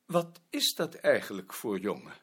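A man's voice: on the low side, huge pitch swings, moderate pace, breathy edge, exaggerated voice. An actor playing a prim male office director who talks hesitantly, stammering now and then. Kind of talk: drama acting.

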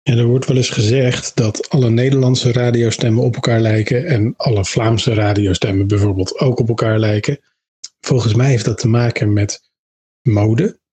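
A man's voice: medium pitch, fairly even intonation, moderate pace, warm tone, husky. A man speaking as an interviewed voice coach, explaining his views in an unscripted way.

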